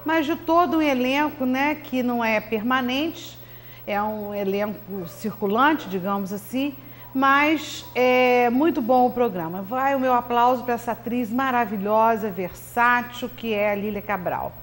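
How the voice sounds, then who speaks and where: A woman co-hosting a local TV talk show, giving earnest, reflective opinions in a measured way. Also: on the high side. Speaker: TV talk show co-host, commentator. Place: local TV studio.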